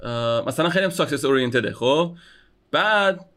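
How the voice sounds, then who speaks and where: A young man with a slightly raised pitch talks on a casual podcast. He thinks aloud and hedges with frequent fillers as he works out his point. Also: lively intonation, a bit bright. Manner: reflective, hedges with many fillers. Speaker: podcast co-host.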